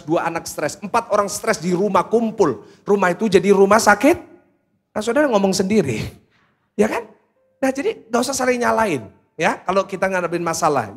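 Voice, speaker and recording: Male pastor, high-pitched voice, preaches with lively back-and-forth, sermon to congregation. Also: slightly rough. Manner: lively, acts out quoted voices, asks the congregation.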